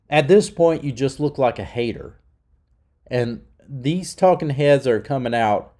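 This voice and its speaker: A middle-aged man hosting his own channel delivers a heated, emphatic opinion rant. His mid-range voice has a dark tone and sounds nasal because he is sick.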